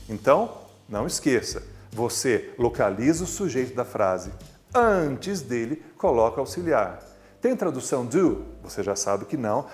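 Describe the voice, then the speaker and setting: A man with a Brazilian Portuguese accent teaching English grammar in a recorded video lesson, patient and explanatory, drawing out words for emphasis. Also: medium pitch.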